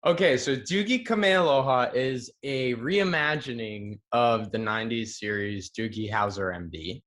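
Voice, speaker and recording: A young man from Hawaii talking as an actor guest, relaxed and chatty with casual slang. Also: mid-range voice, measured pace. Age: young adult. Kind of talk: casual interview answers.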